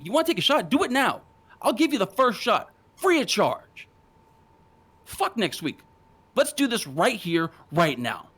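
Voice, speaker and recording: A man's voice: high voice, a bit bright, husky. A man cutting a confrontational wrestling promo, taunting and swearing. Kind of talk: in-ring promo argument.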